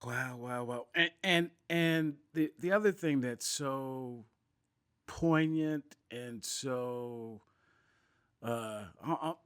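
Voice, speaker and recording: A man hosting a podcast, talking in a reflective, halting way and often repeating words. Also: medium pitch, fairly bright tone, smooth. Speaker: podcast host. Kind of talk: interview conversation.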